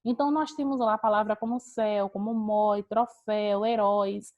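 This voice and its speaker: A woman's voice: medium pitch, steady tone, moderate pace, darkish tone, lo-fi sound. A Brazilian woman teaching an online class over a video call, explaining step by step, repeating key words and asking rhetorical questions. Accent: Brazilian Portuguese.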